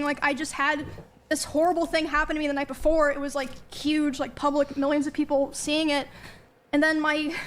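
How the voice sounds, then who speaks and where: A young woman with a high, light voice gives a candid first-person account. She talks haltingly, scattering ums and likes through every sentence as she works through what happened. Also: a little hiss or hum. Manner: hesitant, full of ums and likes. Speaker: streamer recounting personal events.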